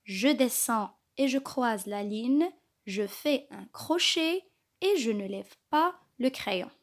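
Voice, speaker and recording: A woman teaching a kindergarten reading lesson, slowly and carefully sounding out each letter and syllable. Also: a little high, lively intonation. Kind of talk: slow scripted reading lesson.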